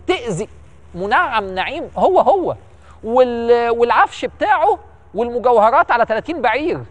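Egyptian guy telling history stories, high voice, super lively and quick. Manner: animated, emphatic, repeats words for effect. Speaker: religious history storyteller. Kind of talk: lively storytelling lecture.

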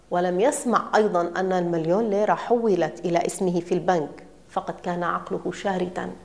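A woman narrating a dramatic story in a measured, expressive reading. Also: fairly low pitch.

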